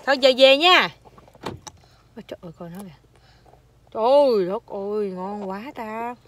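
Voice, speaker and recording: A woman's voice: mid-range voice, normal speed. A woman filming a casual family vlog, talking to her small child in a chatty, coaxing and playful way. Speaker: mother filming her toddler. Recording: home recording with clear background noise.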